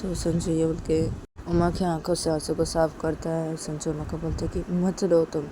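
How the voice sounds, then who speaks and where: A woman's voice: sits low, completely flat delivery, moderate pace, noisy background. A young woman narrating a love story in a plain, repetitive, casual way as a channel host. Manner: plain, repetitive, linking with "then".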